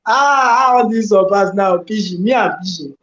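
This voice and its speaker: A man's voice: high-pitched, moderate pace, roomy sound, muffled recording, a loud crowd. A man with a Nigerian accent giving casual football analysis as a guest pundit, stressing points by repeating his phrases. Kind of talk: casual match analysis and mock commentary.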